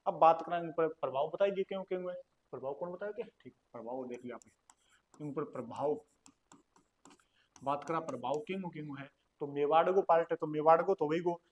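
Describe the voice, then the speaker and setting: A male teacher with a Rajasthani accent, his voice sitting a little high. He hammers home each point by saying it again and again, fires quick questions at his class and answers them himself, mixing in folksy dialect jokes. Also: dull audio, slight background noise. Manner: drills points by repeating and quizzing students. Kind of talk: online exam-prep lecture.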